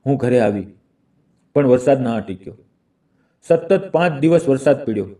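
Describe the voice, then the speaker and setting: A man narrating an emotional family story in short, even phrases. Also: mid-range voice, normal speed, recorded from a distance.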